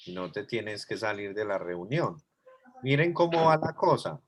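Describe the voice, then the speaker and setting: A man's voice: on the low side, big pitch swings, unhurried. A man teaching an online class, explaining patiently and thinking aloud as he goes.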